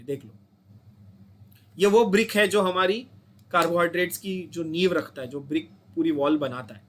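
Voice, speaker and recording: A young man with an Indian accent teaches chemistry in a high-pitched voice, checking often that his students follow. He repeats the key points and asks the class to say them back. A faint hum of room noise sits under the voice. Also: a bit bright. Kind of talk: online lecture.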